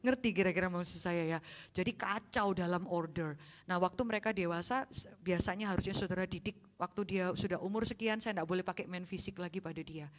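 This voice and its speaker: A woman pastor with an Indonesian accent, preaching a sermon and telling family stories with lively acted-out quotes. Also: lowish voice, fairly quick.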